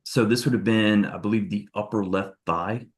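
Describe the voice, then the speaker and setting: A man's voice: on the low side, steady tone, moderate pace. A man giving courtroom testimony as a witness, walking through events in a careful, methodical, step-by-step way. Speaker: witness on the stand.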